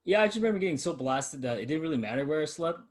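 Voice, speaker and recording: A man's voice: a little high, expressive, very fast. A young man in casual chat with an old friend, talking in a loose, laid-back way with the odd curse word. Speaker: channel host.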